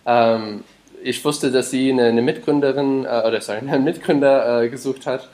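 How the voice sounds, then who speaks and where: In a casual interview, a hesitant startup founder speaks as a podcast guest, his mid-range, darkish voice steady and moderately paced. He keeps stumbling through fillers and restarts while slipping in English words.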